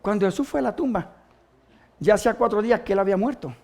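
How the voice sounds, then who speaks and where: A man's voice: high voice, fast, creaky, darkish tone. A man preaching a sermon as pastor, fervent and stopping often to give praise.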